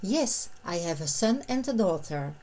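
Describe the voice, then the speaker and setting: A woman narrating a scripted language lesson, reading short phrases and translations in a measured, clearly separated way. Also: on the low side, big pitch swings, dark tone.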